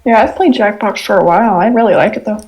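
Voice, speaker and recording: A young woman talks in a relaxed, unhurried way, peppering her sentences with fillers. Her voice sits at an ordinary pitch for a woman. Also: poor audio. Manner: easygoing, lots of fillers. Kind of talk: casual chat.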